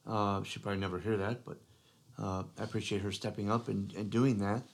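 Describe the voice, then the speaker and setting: A man with a fairly low voice co-hosts a casual podcast chat. He speaks earnestly and haltingly, restarting his sentences and filling gaps with "you know". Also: level tone. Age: adult father. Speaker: podcast co-host.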